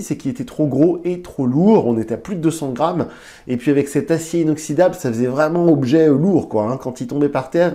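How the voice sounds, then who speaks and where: A man with a cold-stuffed, nasal voice hosts his tech review channel, chatting casually into a lapel mic with fillers and restarts along the way. His pitch is fairly high and his tone mellow.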